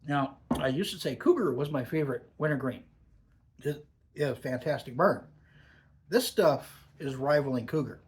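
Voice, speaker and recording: A man of medium pitch chats through a casual product review. His lip is packed with dip as he talks. He speaks in an emphatic, savouring way, drawing out words for weight. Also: expressive, normal speed, a little hiss or hum. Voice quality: talking with a lip full of dip pouches.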